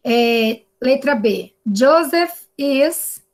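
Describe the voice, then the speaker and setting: A woman's voice: sits high, lively intonation, very slow. A woman with a Brazilian Portuguese accent teaching an online class over a video call, explaining patiently and often checking in with tag questions. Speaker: English teacher.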